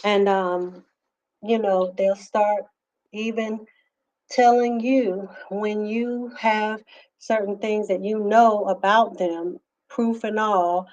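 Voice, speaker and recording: A woman's voice: medium pitch, steady tone, takes it slowly, darkish tone. A woman counselor giving earnest advice, talking with many fillers and restarts. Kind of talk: advice talk to camera. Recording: slightly dull lo-fi sound.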